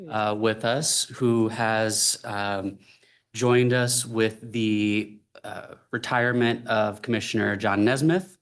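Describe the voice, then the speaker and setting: A man chairing a city commission meeting, speaking haltingly with many fillers. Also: medium pitch.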